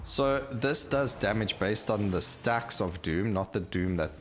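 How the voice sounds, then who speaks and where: A man with a lowish, expressive voice talks at a measured pace while hosting a gaming video, with game music playing behind him. He casually thinks aloud and explains his choices to viewers as he plays.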